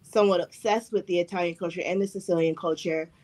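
A woman's voice: fairly low pitch, fairly even intonation, quick pace, darkish tone. A woman hosting a podcast, telling stories in casual chat, leaning heavily on "like" and "I was like". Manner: chatty storyteller, heavy use of "like" and "I was like". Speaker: podcast host.

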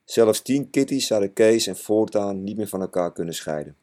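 A man narrating a children's storybook in a measured, expressive way. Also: fairly low pitch. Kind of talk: storybook reading.

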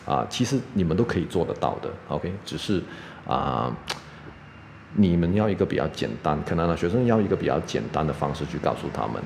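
Deep gravelly man teaching pronunciation. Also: sing-song, a little mellow. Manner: explains step by step, repeats "OK" constantly, demonstrates sounds slowly. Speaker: podcast English pronunciation teacher. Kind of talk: casual spoken lesson. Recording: long reverb, faint background noise.

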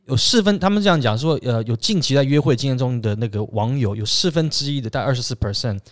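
Casting: man, Taiwanese accent, casual discussion host, rapid rambling delivery, dry studio-close sound. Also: medium pitch, expressive, dry recording. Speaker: talk show host. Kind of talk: casual discussion, explaining to co-hosts.

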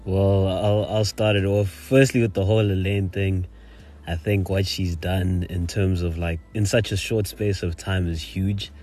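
A South African man talks casually as a podcast panelist. His voice is low and mellow, and his pitch stays very even. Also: a little slow. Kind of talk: casual discussion.

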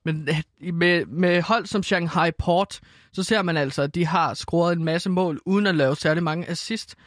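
A man's voice: a little high, a bit bright, dry recording, studio quality. A man talking football on a radio show, casual and hesitant with many ums. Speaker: football pundit.

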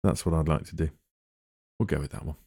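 A man's voice: very deep voice, fairly even intonation, fast, mellow, slightly rough, dry recording, clean studio sound. A man in his thirties with an Essex accent, chatting casually and jokily as a podcast co-host. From Essex, England. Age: 30s. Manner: jokey, chatty. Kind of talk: casual chat.

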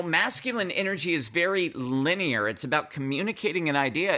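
A man's voice: on the high side, bright, forceful tone. A man talking as a relationship coach on a podcast, earnestly addressing his listeners directly. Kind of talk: podcast monologue.

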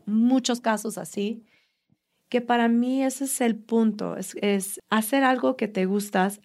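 A woman fitness trainer telling stories with enthusiasm in a casual interview. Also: fairly high pitch. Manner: enthusiastic, animated storyteller.

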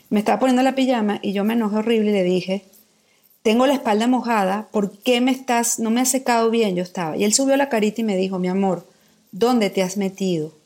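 On a podcast, a middle-aged guest from Mexico tells her personal story with vivid, candid emotion, her voice on the high side and darkish in tone.

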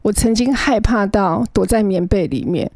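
A woman's voice: medium pitch, moderate pace, darkish tone, dry recording. A middle-aged woman, earnestly recounting her own past as a guest and often stammering as she restarts her sentences. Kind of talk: emotional personal storytelling.

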